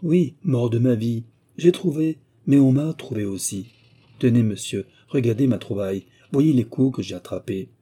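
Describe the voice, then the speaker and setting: A talkative, excitable valet spins out his story in endless detail, as a man reads him aloud. The voice is dark and husky, the delivery rambling and eager, straight from a storybook reading. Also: mid-range voice, normal speed, natural voice. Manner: long-winded, excitable storytelling. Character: chatty rambling male servant, a bruised valet. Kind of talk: audiobook character reading.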